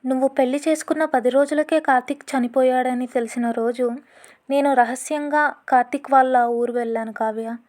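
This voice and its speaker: Woman reading a sincere young guy, gentle, earnest, high voice. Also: steady tone, moderate pace, natural voice.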